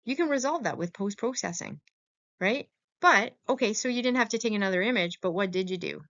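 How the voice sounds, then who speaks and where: In a dull, lo-fi voice-over, a woman gives a casual veterinary radiography lecture, regularly checking on her students with brief questions. Her mid-range voice is expressive and slightly bright, and she talks fairly quickly.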